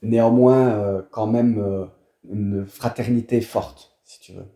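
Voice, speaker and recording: Un homme originaire de Wallonie avec un accent belge, invité d'une discussion détendue, qui parle avec beaucoup d'hésitations et de répétitions. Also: male voice, lowish voice, fairly even intonation, slow pace, warm tone, echoey room. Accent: Belgian French. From Wallonia, Belgium. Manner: hesitant, many fillers and repeated words. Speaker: guest. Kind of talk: casual conversation.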